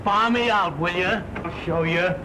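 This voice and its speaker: An actor playing a drunk, jealous young gentleman who hurls bitter insults, in an early-1930s film. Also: high-pitched, a little slow, noisy background. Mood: raging.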